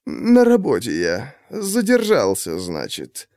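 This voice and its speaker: A man's voice: medium pitch, wildly swooping pitch, takes it slowly, darkish tone, no echo, clean studio sound. A man voicing a furtive middle-aged husband who mumbles evasively and turns harsh.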